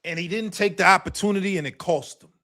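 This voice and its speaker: A high-pitched man talks fast while hosting a live boxing stream. He's casual and insistent, circling back to the same points, dropping swear words, and breaking into shouts.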